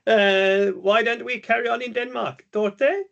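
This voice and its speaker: A man's voice: very high-pitched, steady tone, measured pace, vocal fry, a bit bright. A man moderating an online meeting, calling on each speaker in turn with a laugh. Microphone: video call. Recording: muffled video call audio.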